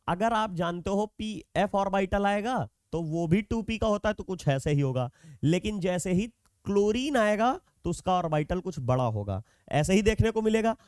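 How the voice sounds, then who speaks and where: A man's voice: high voice, a little mellow, clean tone, no room sound, clean studio sound. A man teaching a chemistry lecture to students, explaining step by step with everyday examples and speaking to them directly. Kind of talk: classroom lecture.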